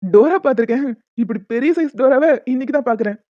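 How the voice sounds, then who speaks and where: A woman doing a fast, teasing cartoon young man. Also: high-pitched, animated, dry recording, dull audio. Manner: teasing, amused banter. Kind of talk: animated cartoon voice acting.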